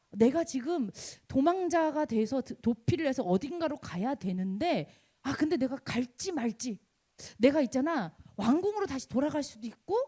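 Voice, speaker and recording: A young woman preaching a sermon to college students, acting out dialogue and building to shouts. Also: sits high. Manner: animated, acts out dialogue, rises to shouting. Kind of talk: youth sermon.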